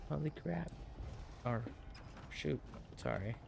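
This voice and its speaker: A man giving casual, chatty live gameplay commentary as a streamer, easygoing and quick to correct himself. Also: fairly high pitch, expressive, gravelly, noisy background. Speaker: game streamer. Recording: game music behind the voice.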